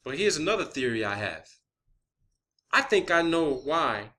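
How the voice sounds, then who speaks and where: Very animated yet unhurried, a man with a pushed, bright voice on the high side holds forth in an unscripted conspiracy monologue online. He's emphatic and insistent, swearing frequently and relying on rhetorical questions and repetition.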